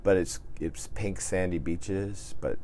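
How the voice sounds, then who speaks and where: An American man, a cruise director, answering interview questions in a casual, halting, easygoing way. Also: sits low, fairly even intonation, dark tone.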